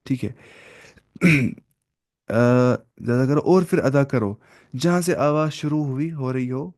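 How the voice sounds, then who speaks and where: A man teaching a recitation lesson, asking his students questions over and over and slowing down to spell out terms, clearing his throat now and then. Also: medium pitch, darkish tone. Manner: drills students with repeated questions. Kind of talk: classroom lesson.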